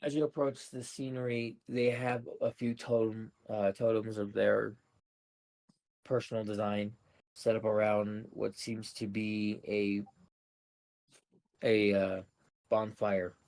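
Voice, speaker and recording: A man narrating a tabletop role-play as game master, halting with many fillers and restarts. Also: fairly low pitch, flat delivery, creaky, a little mellow.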